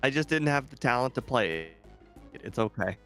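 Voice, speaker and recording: A man's voice: medium pitch, sing-song, moderate pace, a bit bright, soft background music. A man chatting on a game stream as a guest, hesitant and repeating words. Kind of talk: casual chat on a stream.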